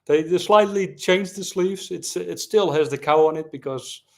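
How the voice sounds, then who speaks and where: Man, host, somewhat high voice, relaxed, easygoing chat. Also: normal speed, gravelly. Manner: relaxed, reads out viewer comments. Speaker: show host. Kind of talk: casual interview chat.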